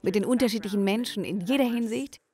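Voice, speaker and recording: A woman's voice: a little high, fast, mellow. A woman in her early twenties from Nebraska, a singer and songwriter answering interview questions in an earnest, plain-spoken way. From Nebraska, USA. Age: 20s.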